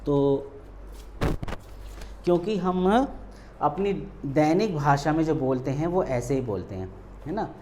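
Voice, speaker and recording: Guy teaching spelling, patient, says words slow and keeps checking in, bit of noise behind. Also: a little high, lively intonation, mellow. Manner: patient, repeats words slowly and checks in with "ठीक है". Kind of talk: spelling lesson at a board.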